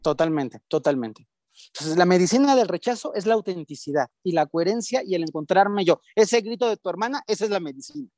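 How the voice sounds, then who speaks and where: Warm, emphatic Mexican woman teaching. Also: lowish voice, expressive, a little fast, dry recording, studio quality. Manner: emphatic, instructive, gives everyday examples. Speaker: guest therapist. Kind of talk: teaching in an interview.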